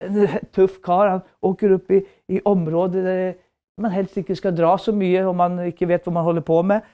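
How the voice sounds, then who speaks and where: A woman's voice: fairly low pitch, little pitch movement, warm tone. Fervent woman preacher. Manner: fervent, emphatic repetition, rhetorical questions. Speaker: Bible school preacher. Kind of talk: preaching lecture.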